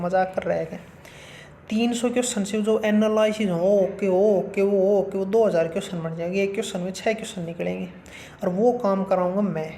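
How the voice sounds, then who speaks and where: A man's voice: high voice, vocal fry, dark tone, a little hiss or hum. A man giving blunt, colloquial exam-strategy advice as a coaching YouTuber. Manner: blunt, colloquial, keeps saying "bhai sahab".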